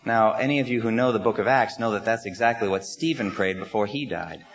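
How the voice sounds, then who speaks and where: In a slightly muffled sermon recording, a lowish-voiced male pastor from the United States preaches from the pulpit microphone of a church sanctuary. His delivery is earnest and measured, broken by many "uh" pauses.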